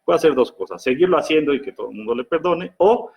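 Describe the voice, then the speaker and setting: A man with a Mexican accent giving advice on handling anger in a lively explanatory talk, often acting out imagined quarrels. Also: on the high side, fast, creaky, slightly rough. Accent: Mexican Spanish. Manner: lively, acts out imagined quarrels in other voices.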